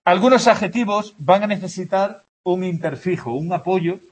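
Husky man teaching grammar. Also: high voice, normal speed. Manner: explanatory, checks understanding with frequent "¿de acuerdo?". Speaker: language teacher. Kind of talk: grammar lesson to a class.

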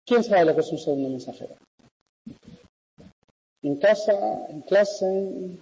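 A man's voice: high-pitched, slow pace, warm tone, slightly rough. A man with a Spanish accent from Spain lecturing conversationally in an echoing classroom, often checking that students follow. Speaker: university lecturer. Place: large echoey classroom. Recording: echoey classroom, long reverb, dull sound.

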